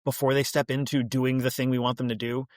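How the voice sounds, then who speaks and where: A man hosting a podcast and interviewing a guest, responding warmly and with emotion. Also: medium pitch, little pitch movement, quick pace, no echo, clean studio sound. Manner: warm, emotional, enthusiastic responses. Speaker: podcast host, middle school teacher. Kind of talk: casual interview.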